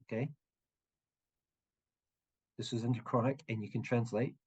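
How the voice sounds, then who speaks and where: A man running a tabletop game as dungeon master, narrating in a halting way with many restarts. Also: medium pitch, fairly even intonation, a little mellow, breathy edge. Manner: halting, full of fillers and restarts. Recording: dull, muffled audio.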